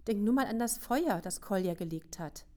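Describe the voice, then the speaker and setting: A woman's voice: mid-range voice, lively intonation, normal speed, dark tone, lightly acted. A woman reading aloud, voicing an earnest boy who urgently lectures his friends. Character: worried boy raising alarm, earnest.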